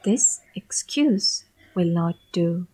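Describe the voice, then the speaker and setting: A woman speaking as a live interpreter, rendering a sermon in short measured phrases with pauses between them. Her voice is low, breathy and mellow. She keeps a slow, careful pace. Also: lively intonation.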